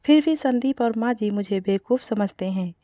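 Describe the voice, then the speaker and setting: A woman's voice: fairly high pitch, normal speed, dark tone, no room sound, studio quality, close to an everyday voice. A woman voicing a naive, literal-minded young bride. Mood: innocent. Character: naive, well-meaning young daughter-in-law. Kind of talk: storybook character reading.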